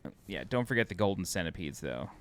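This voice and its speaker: A man's voice: low-pitched, big pitch swings, fast, fairly bright tone. A tired man with a New York accent giving chatty, self-deprecating walkthrough commentary over a video game, thinking aloud as he plays. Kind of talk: casual gameplay commentary.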